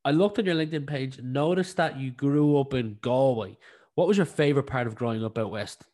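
A man's voice: mid-range voice, a little fast, darkish tone. A man, interviewing conversationally as a podcast host.

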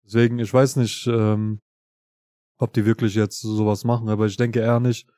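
A man's voice: fairly low pitch, flat delivery, moderate pace, warm tone, no echo, clean studio sound. A man from Kosovo in easygoing podcast chat, explaining things at length. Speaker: podcast co-host.

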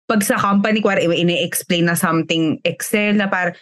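A woman's voice: fairly low pitch, brisk, no echo. A young woman co-hosting a podcast, telling a story in casual chat, mixing Tagalog and English and laughing as she goes. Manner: animated, laughs while telling stories, mixes Tagalog and English. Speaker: podcast co-host.

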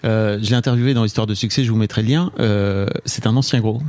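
A man's voice: lowish voice, steady tone, quick pace, a little mellow. A man co-hosting a podcast, chatting casually and animatedly, swearing freely and restarting his sentences. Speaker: podcast co-host. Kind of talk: casual chat.

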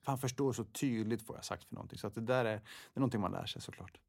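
A man's voice: on the low side, gravelly, darkish tone. A man guest in an interview, speaking reflectively and often posing rhetorical questions to himself. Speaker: guest, football referee.

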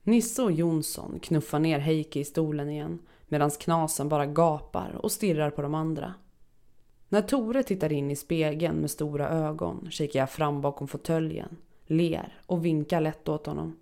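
A woman narrating a first-person horror story in a steady, dark storytelling manner. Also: low voice, vocal fry.

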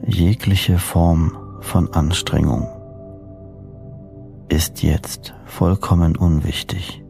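A man narrates a guided sleep story in a deep voice with a creaky edge. His phrasing is soothing and deliberate, with pauses between short phrases. New-age music plays clearly behind him. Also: fairly even intonation, warm tone. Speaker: host and hypnosis coach narrating sleep meditations.

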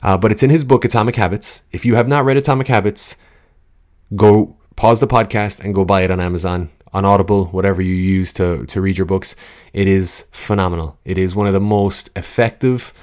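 A man's voice: sits low, steady tone, brisk, darkish tone. A man hosting a podcast, talking informally and chattily straight to his listeners into a good podcast microphone, drifting into tangents. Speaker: podcast host, coach. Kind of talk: casual solo podcast talk with scripted opening. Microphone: studio podcast microphone.

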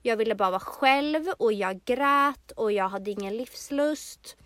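A woman's voice: a little high, a bit bright, no echo. Earnest young woman, dry close mic. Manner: earnest, slow and reflective retelling. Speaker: podcast co-host. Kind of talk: personal casual chat.

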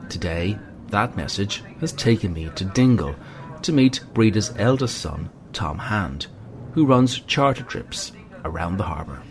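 A man's voice: fairly low pitch, animated, a little slow, a little hiss or hum. A man presenting a documentary in scripted narration.

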